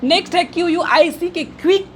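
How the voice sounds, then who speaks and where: A woman teacher with a bright, high-pitched voice walks through vocabulary and pronunciation. She repeats every word many times in a steady drill, posing questions and answering them herself. A faint background noise sits beneath her voice. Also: fairly quick. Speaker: English teacher. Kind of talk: pronunciation lesson, explaining word by word.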